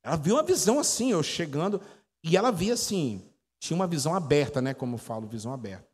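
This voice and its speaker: A man's voice: on the high side, very animated, fast talker, breathy edge. A Brazilian man in his forties, a pastor giving a chatty teaching sermon, telling stories and quizzing his congregation. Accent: Brazilian Portuguese. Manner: chatty storytelling, quizzes the audience. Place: church hall. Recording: echoey church hall.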